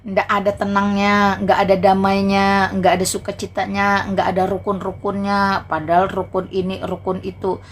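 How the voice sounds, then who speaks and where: A woman's voice: mid-range voice, monotone, normal speed, slight background noise. A woman hosting a livestream who preaches combatively, mocks and taunts her viewers, and repeats phrases to hammer her point home. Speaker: livestream host.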